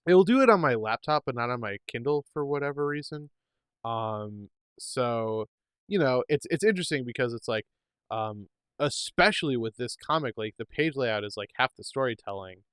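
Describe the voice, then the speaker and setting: A man's voice: mid-range voice, lively intonation, moderate pace, a bit bright, clear, resonant tone, no echo, poor audio. A man co-hosting a podcast, chatting casually and rambling with lots of fillers and restarts. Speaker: podcast co-host. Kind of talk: casual chat.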